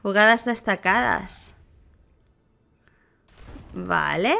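A woman with a Spain Spanish accent, a gaming youtuber giving casual, excitable reaction commentary. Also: medium pitch, very slow, vocal fry. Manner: excitable, gushing exclamations.

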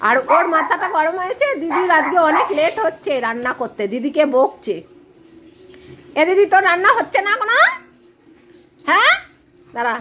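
Woman vlogger at home, high lively sing-song voice, baby talk to pets, phone recording with loud noise and dogs barking. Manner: cooing, sing-song talk to pets, mixed with running commentary. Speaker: vlogger filming her pet dogs. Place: at home, indoors.

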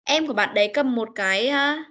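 A Northern Vietnamese woman teaching children over a video call, her high voice bright as she coaxes answers and repeats each question. She spells words out letter by letter. The sound is dull and lo-fi, like a meeting recording. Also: a little fast. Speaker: English teacher. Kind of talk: online class teaching.

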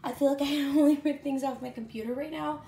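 A woman's voice: sits high, steady tone, quick pace, vocal fry, mellow, slight background noise. A pregnant woman giving a casual vlog tour of her home, rambling with many ums and likes as she walks from room to room. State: pregnant, at times out of breath. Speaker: vlogger. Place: indoors at home, walking room to room.

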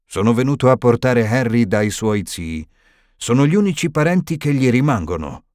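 A man voicing an old wise male wizard in an audiobook, speaking gravely and firmly. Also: mid-range voice, expressive, a little mellow, no echo, clean studio sound, lightly acted. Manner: slow, grave and firm.

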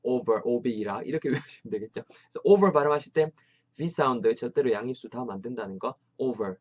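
A man teaching an online English lesson, energetic and encouraging as he drills phrases aloud. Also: medium pitch, quick pace. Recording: slightly dull lo-fi sound.

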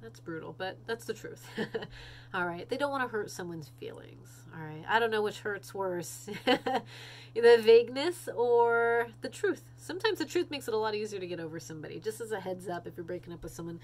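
A woman's voice: mid-range voice, lively intonation, moderate pace, a little hiss or hum. A woman instructor giving a recorded lecture in a casual, blunt way, swearing now and then for emphasis. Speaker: college instructor.

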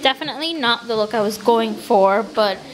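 Young woman vlogger, casual and upbeat, slightly high voice, roomy noisy home recording. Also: a little fast. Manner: chatty, upbeat, filler-heavy. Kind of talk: casual vlog chat. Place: home living room and bedroom. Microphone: camera on tripod.

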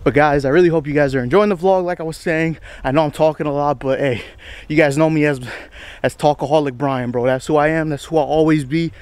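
Out on a wooded estate trail, a twentysomething male vlogger from the United States chats to the camera while walking, slightly winded. He talks fast in a fairly high, fairly even, darkish voice, rambling, slangy, self-deprecating, and full of "bro." The sound is clean, with no room sound.

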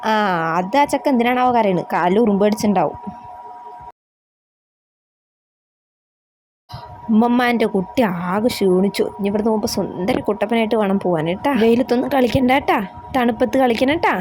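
A doting older grandmother, played by a woman in a homemade skit, talks in a fairly high voice. She coaxes her favourite grandchild in sing-song baby talk and turns sharp and scolding with the others. A faint hiss sits under her voice. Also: fast, natural voice.

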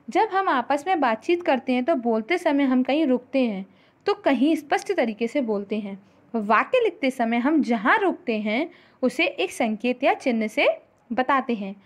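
A woman school teacher giving a grammar lesson, patiently repeating points and quizzing her students as she goes. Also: high-pitched.

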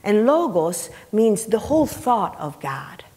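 A middle-aged woman preaches slowly from the platform of a church, her mid-range voice slightly mellow and full of big pitch swings. Teaching scripture emphatically but conversationally, she repeats phrases and asks rhetorical questions, and the large hall adds heavy reverb.

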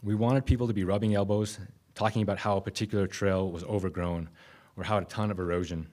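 A man, giving a conference keynote from a podium microphone in a conference room, measured and with frequent restarts. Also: on the low side, fairly even intonation, darkish tone. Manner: measured, self-correcting restarts. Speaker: keynote speaker.

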